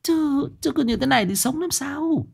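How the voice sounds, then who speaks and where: A man voicing a frightened young village wife who stammers and pleads in a hushed, raised voice. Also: extremely high pitch, animated, moderate pace, vocal fry, pitched above the performer's own voice, heavily acted. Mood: frightened stammering.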